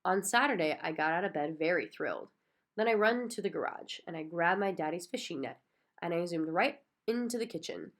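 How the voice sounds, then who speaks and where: Female reader, children's book, expressive storyteller, lower register. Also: a little fast. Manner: expressive, childlike first-person narration. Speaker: audiobook reader. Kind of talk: reading a children's book aloud.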